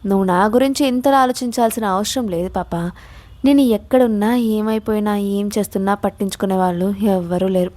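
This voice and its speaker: A woman voicing a young woman heroine, anxious and quick to anger. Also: medium pitch, steady tone, natural voice. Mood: quiet. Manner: anxious then sharp.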